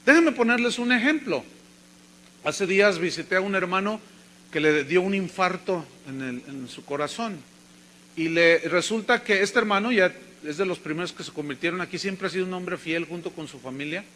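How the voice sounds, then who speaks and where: A man's voice: high-pitched, moderate pace, pushed and bright. Male pastor, sermon storyteller, faint hum behind the voice. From Mexico. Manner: storytelling, acting out the people he quotes.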